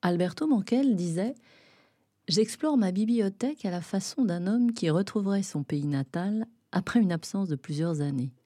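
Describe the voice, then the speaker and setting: A woman reading a novel excerpt aloud in a dramatic, intense way, rising to loud shouting in the heated passages. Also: medium pitch, lively intonation, normal speed, no room sound, clean studio sound. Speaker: reader.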